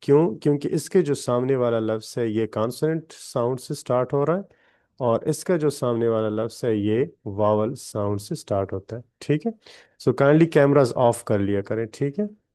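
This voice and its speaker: A man's voice: medium pitch, warm tone. A male English teacher, running an online grammar class and explaining step by step while checking in with his students again and again. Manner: explains step by step, keeps checking in with "theek hai". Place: online class on a video call.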